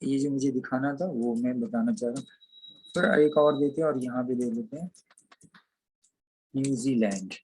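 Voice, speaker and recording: A man's voice: medium pitch, moderate pace, pauses often, a little mellow, husky, poor audio. A man teaching an online programming class, explaining code step by step as he types. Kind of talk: online coding lecture.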